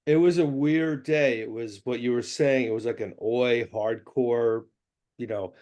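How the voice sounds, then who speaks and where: A man interviewing a guest in a casual chat, speaking in a relaxed, measured way. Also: medium pitch. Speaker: interviewer, journalist.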